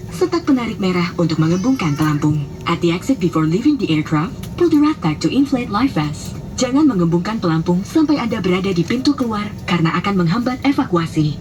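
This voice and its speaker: A woman's voice: mid-range voice, background noise. Woman giving a flight safety demo. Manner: formal, instructional. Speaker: flight attendant announcer.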